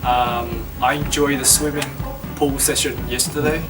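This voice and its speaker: Loud music plays behind a man who sits slightly away from the microphone. He has a Japanese accent and a middling pitch. He answers casually as an interviewed student, hesitating and restarting his phrases. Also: fairly even intonation, measured pace, far from the mic, rough recording. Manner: hesitant, repeats and rephrases phrases.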